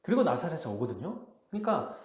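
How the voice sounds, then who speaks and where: A male pastor preaching a sermon with animated delivery, acting out the quotes he reads. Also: fairly high pitch, fast talker, roomy sound. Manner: animated, acts out quotes in a lively voice. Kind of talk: expository sermon. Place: church sanctuary.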